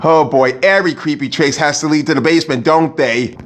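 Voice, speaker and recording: A man's voice: fairly high pitch, a little fast, soft background music. A man giving informal review commentary as a video critic.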